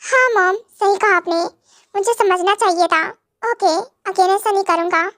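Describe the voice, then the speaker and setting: A woman's voice: very high-pitched, normal speed, a bit bright, dry recording, studio quality. A woman voicing a stubborn, hot-tempered young husband in a fan-made audio drama. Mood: worried. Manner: scolding, stubborn.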